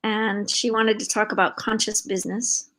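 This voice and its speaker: An older woman hosting a live video-call interview, talking in a warm, rambling way with many fillers. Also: mid-range voice, level tone, normal speed, rough recording. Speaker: host and founder of an organization. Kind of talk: casual conversational interview.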